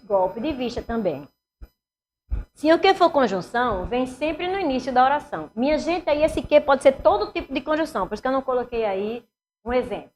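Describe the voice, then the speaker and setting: Northeastern brazilian lady teaching grammar, emphatic, asks then answers herself, voice on the higher side. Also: expressive, a little fast, slight background noise. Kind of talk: exam-prep grammar lesson.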